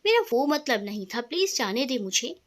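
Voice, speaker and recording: A woman's voice: on the high side, very animated, moderate pace. A woman voicing a reserved, sad young wife who answers curtly and guardedly, in a storybook reading. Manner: curt, guarded.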